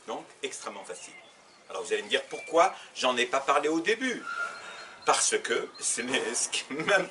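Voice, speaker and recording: A man teaching a grammar lesson, asking questions and answering them himself, repeating examples. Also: medium pitch. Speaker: Arabic teacher. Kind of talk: classroom lesson explaining grammar. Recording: slightly distant mic, faint background noise.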